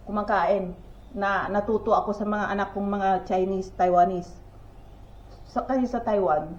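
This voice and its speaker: With a medium-pitched voice, the older Filipino vlogger meanders through a casual story for her audience in a spacious kitchen. Fillers abound and "sabi ko" comes up repeatedly. The home recording is roomy and dull.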